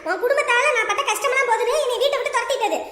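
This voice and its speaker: In a comedy skit, a woman plays a bitter married daughter, sent away by her husband, who sarcastically blames her family for ruining her life. Her very high voice races along in an accusing, scolding tone over crowd noise. The room is echoey with a long reverb.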